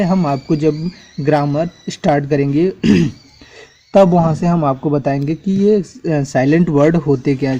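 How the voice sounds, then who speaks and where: A man's voice: on the high side, mellow, muffled recording. A man teaching an English spelling lesson at a board, spelling words out letter by letter and checking in with the class often.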